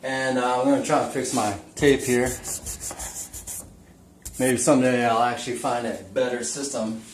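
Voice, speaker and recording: This male teacher's mid-range voice shows little pitch movement and keeps a moderate pace as he gives a folksy, chatty whiteboard lesson, questioning the viewer as he goes. A camera taped to the wall records from across the room, so there's roomy echo and a little hiss or hum.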